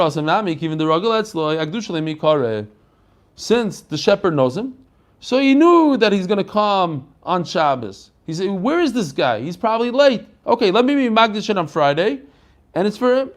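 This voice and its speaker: A man giving a Talmud lesson as a rabbi, explaining in animated question and answer and mixing in Hebrew and Aramaic phrases. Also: sits high. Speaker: rabbi teaching a daily Talmud class.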